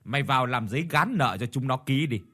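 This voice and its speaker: A man playing a cruel, shouting landlord. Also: mid-range voice, animated, brisk. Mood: contemptuous. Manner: shouting, hissing threats. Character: cruel bullying rich landlord, man, hot-tempered.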